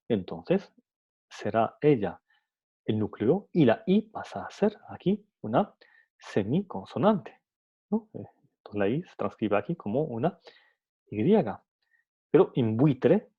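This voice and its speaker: A man talks through a phonetics lesson at an unhurried pace, his husky voice rising and falling in a lively way. He hesitates often, restarts his phrases and sounds out example syllables. The recording is dull and lo-fi. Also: mid-range voice. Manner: hesitant, many fillers and restarts. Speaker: teacher.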